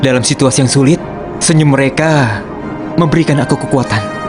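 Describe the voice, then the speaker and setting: A man's voice: medium pitch, a little fast, over loud music, natural voice. A man acting a sincere mid-voiced hero. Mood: heartfelt. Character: sincere hero grateful for his friends. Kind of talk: dubbed superhero film acting.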